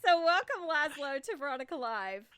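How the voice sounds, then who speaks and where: A woman's voice: high voice, very animated, a little fast, a bit bright, dry recording, clean studio sound. A woman hosting a talk show, chatty and enthusiastic as she interviews her guest. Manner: enthusiastic, chatty, laughs often. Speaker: show host.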